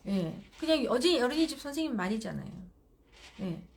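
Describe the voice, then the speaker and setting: A woman's voice: a little high, very animated, moderate pace, gravelly, a little hiss or hum. A middle-aged woman hosting live parenting advice, speaking firmly and directly and acting out parent-child exchanges. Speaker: parenting counselor.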